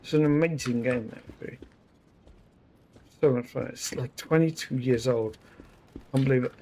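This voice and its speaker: A man's voice: mid-range voice, moderate pace, darkish tone, a little hiss or hum. A man giving casual, rambling commentary while streaming a shooter game, often correcting himself mid-sentence. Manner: chatty, rambling, self-correcting asides.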